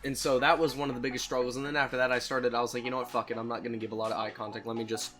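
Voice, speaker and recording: Over background music, a late-teen guy rattles off personal anecdotes in a rapid-fire, flat delivery with a medium, slightly bright voice. His style is loose, candid and self-mocking, full of swearing, like a YouTuber hosting his own talk show.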